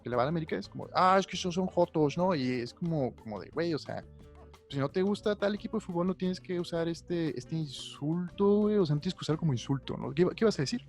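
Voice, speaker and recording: A young man with a Mexican accent co-hosting a podcast, talking in an animated, slangy, opinionated way. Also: a little high, fast, creaky. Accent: Mexican Spanish. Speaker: podcast co-host. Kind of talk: casual chat. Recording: faint music behind.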